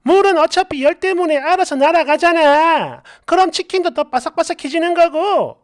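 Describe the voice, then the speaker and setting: Woman doing a loud exasperated husband. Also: high-pitched, huge pitch swings, unhurried, dry recording, clean studio sound, heavily acted. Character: irritated, scornful adult husband.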